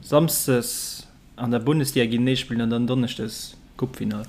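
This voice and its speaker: Ein Mann mit luxemburgischem Akzent und mittlerer Stimmlage bespricht locker Fußballspiele. Er wägt seine Urteile ruhig ab. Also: male voice, mid-range voice, steady tone, brisk, darkish tone, a little hiss or hum. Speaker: podcast co-host. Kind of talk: casual sports chat.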